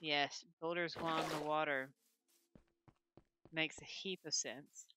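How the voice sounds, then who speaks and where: Through a desk microphone on a very noisy recording, a woman who hosts a gaming channel offers casual let's-play commentary at home, rambling and talking to herself as she plays. Her voice sits low, with fairly even intonation and a slow pace.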